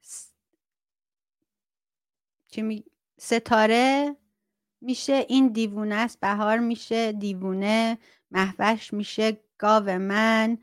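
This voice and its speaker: A woman's voice: fairly high pitch, steady tone, long pauses, dry recording, clean studio sound. A woman chatting casually with her viewers about self-awareness, reading out their comments and laughing often. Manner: chatty, laughs often, mock-strict imitations.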